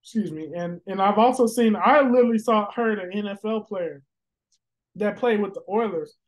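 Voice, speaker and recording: Rambling high-voiced man on a sports podcast. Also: moderate pace, rough recording. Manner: rambling, many fillers and restarts, profane. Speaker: podcast host. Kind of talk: casual sports podcast chat.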